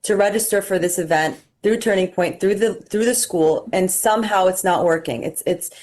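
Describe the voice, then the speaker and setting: A young woman giving a first-hand eyewitness account in an interview, halting and stumbling over words as a student guest. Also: medium pitch, a little mellow. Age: young adult.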